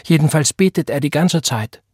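A man's voice: fairly high pitch, lively intonation, moderate pace, a little mellow, breathy edge, no echo, studio quality, voice pushed up. A man voicing an eager little girl.

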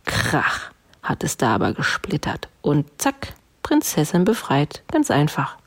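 A woman reads a children's story aloud in a low, husky voice. She takes her time, with a gently wry touch. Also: wildly swooping pitch, unhurried.

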